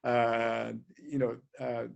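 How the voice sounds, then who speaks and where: A man giving a physics lecture and taking questions, speaking haltingly and filling gaps with "you know" and "uh". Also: medium pitch, level tone, gravelly, lo-fi sound.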